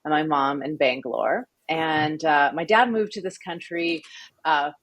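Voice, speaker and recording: Low-voiced woman guest. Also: unhurried, no room sound. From Southern California. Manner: articulate, warm storytelling with fillers. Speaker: guest, company executive. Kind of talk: interview conversation.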